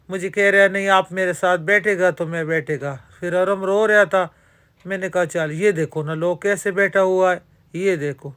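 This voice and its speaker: A woman's voice: fairly low pitch, clean tone. Chatty woman vlogger. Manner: chatty, talks straight to viewers, many religious phrases. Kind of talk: casual vlog narration. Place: outdoor amusement park.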